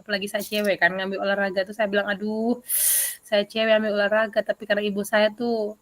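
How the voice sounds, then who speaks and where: A woman PE teacher answering interview questions over a video call, telling a story in an animated way with many fillers. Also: mid-range voice, fast, slight background noise.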